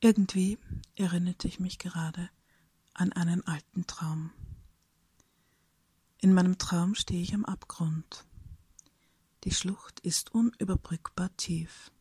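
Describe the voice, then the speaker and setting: A woman reading a reflective personal story aloud in a soft, breathy whisper, slowly and thoughtfully. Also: lowish voice, steady tone, no echo.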